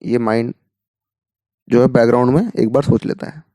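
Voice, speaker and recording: Man giving a mellow, dry motivational talk. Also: medium pitch, normal speed, dry recording. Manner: explains with rhetorical questions, Hindi mixed with English terms. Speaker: mentor to exam students.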